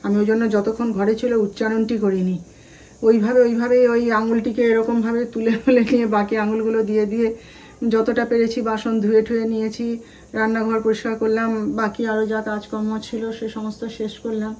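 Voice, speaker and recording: Middle-aged woman, family vlogger, talks to viewers from her kitchen; slightly high voice, recorded from a distance. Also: level tone, normal speed, dark tone. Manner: chatty, homely storytelling to viewers. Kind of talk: casual home vlog chat. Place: home kitchen. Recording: slightly distant mic, faint room noise.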